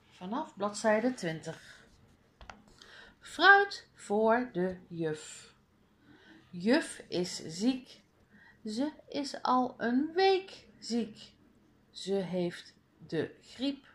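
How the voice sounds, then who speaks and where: A woman reading a children's reader aloud, clearly and deliberately, calling out the page numbers. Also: a little high, very animated, fairly bright tone. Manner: slow, clear, sing-song.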